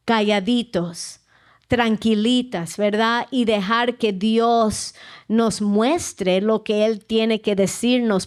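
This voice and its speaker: A woman pastor preaching a sermon, slowly hunting for words, restarting phrases and often adding "amén". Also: fairly high pitch. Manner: slow, searching delivery with many restarts and frequent "amén".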